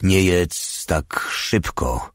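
A man voicing a gruff but fatherly middle-aged sergeant in an audiobook, calm and commanding. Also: low voice, unhurried, no echo, clean studio sound.

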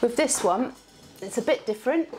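A woman's voice: fairly high pitch, lively intonation, moderate pace, darkish tone, slight background noise. A woman teaching a beginner how to treadle a spinning wheel, in a chatty, encouraging way, counting out the rhythm as she demonstrates.

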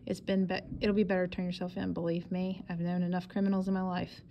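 A woman reading the lines of an angry middle-aged father who curses and scolds his son, in a low, flat, gravelly voice. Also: quick pace, lo-fi sound, a little hiss or hum. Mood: scolding. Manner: blustering, cursing, scolding.

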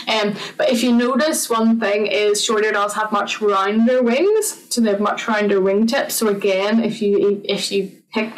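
A woman's voice: mid-range voice, distant mic, rough recording. A woman, a conservation officer giving an informal online talk, explaining in a chatty way with lots of fillers.

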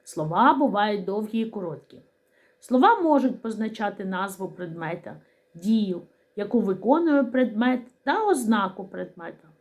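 A woman teacher giving a literacy lesson to young children, speaking slowly and sounding out words syllable by syllable, asking questions and answering them herself. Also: medium pitch, animated. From Ukraine. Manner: slow, careful enunciation of syllables.

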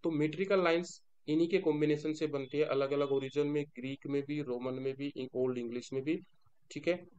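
A man's voice: fairly high pitch, steady tone, brisk, a little mellow, dull audio. A man with an Indian accent teaching a lecture, mixing in English terms and answering his own questions. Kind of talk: classroom-style lecture.

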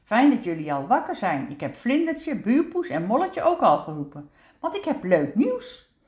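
A woman's voice: on the high side, huge pitch swings, normal speed, darkish tone, voice pushed up. Lady putting on a caring sing-songy auntie tree, storybook voice, echoey room. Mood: cheerful. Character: kind motherly aunt tree, warm and caring.

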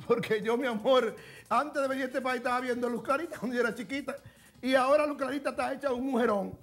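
A man playing a flamboyant gossip queen hosts a comedy TV segment, all camp theatrics and endless endearments. The voice sits high with a gravelly fry, and soft music plays faintly under it. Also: heavily acted. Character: flamboyant gossipy woman TV presenter. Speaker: comic TV gossip presenter.

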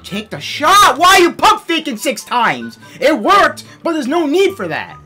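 A young man playing a basketball video game as a raging gamer, exasperated and repeating his complaints in loud outbursts. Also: very high voice, wildly swooping pitch, a little slow, faint music behind. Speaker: gaming streamer.

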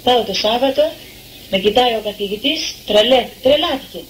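An older woman tells her own story in an earnest, heartfelt testimony. Her voice sits a little high, and a faint hiss runs under it. She slips into the voices of the people in her story as she goes. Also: rough recording. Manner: earnest, acts out the lines of others. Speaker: testimony giver.

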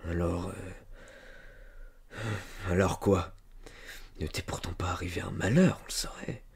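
A man voicing a stubborn, brutish farmer who badgers and shouts. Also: lowish voice, lively intonation, measured pace, slightly rough, heavily acted. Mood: muttering. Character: brutish stubborn middle-aged male farmer.

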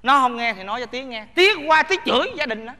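A man playing an excitable old father in a stage comedy. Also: extremely high pitch, very fast, reverberant, full character voice. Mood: eager.

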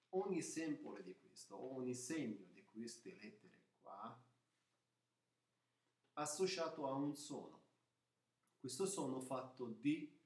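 A man teaching the alphabet and vowels in an informal lesson, often checking understanding with a quick "ok?" and restarting words. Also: mid-range voice. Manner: repeats "ok?" to check understanding, some false starts. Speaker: Arabic teacher. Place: room, writing on paper at a table. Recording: echoey room, voice somewhat far from mic.

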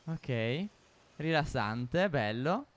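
A man co-hosting a gaming video with expressive, casual commentary on his own play. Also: fairly high pitch, very slow, a little hiss or hum.

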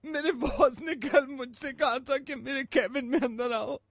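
A woman's voice: high-pitched, fairly even intonation, unhurried, no echo, studio quality. A woman making a prank phone call, complaining in a whiny, repetitive, over-dramatic way. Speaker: radio prank caller.

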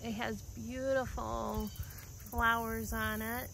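A woman calmly narrating a walk through her woods, pausing often as she points out plants and animals. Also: on the high side, vocal fry, a little hiss or hum, rough recording. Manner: calm, unhurried, pausing often. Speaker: homestead vlogger. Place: outdoors in woods by a creek. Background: faint insects and outdoor ambience.

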